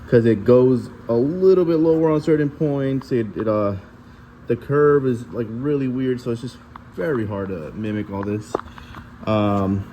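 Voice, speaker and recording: A man's voice: mid-range voice, mellow, a little hiss or hum, rough recording. A man giving a casual, hands-on how-to commentary, recorded on a handheld camera in a garage. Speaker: DIY car builder presenting. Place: metal-walled garage workshop.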